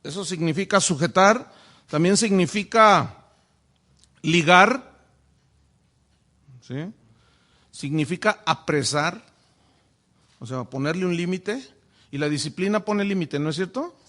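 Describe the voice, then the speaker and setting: A man's voice: high voice, lively intonation, slow, long pauses, bright, forceful tone. A pastor giving a sermon-style Bible lesson, often asking his listeners rhetorical questions. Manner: asks the audience frequent rhetorical questions. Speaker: pastor teaching Bible study. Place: church classroom with a whiteboard.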